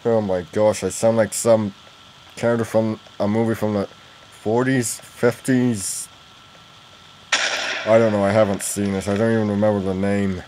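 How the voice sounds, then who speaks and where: A man's voice: fairly low pitch, little pitch movement, unhurried, long pauses, mellow. A man giving casual gameplay commentary, rambling and thinking aloud as he plays. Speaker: gamer narrating his own play. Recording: noisy game audio behind voice.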